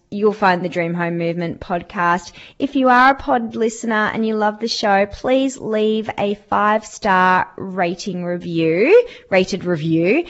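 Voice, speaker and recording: A woman's voice: medium pitch, muffled recording. A woman with an Australian accent hosting a radio show, chatty and bubbly as she thanks her guest and listeners. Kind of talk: casual radio chat.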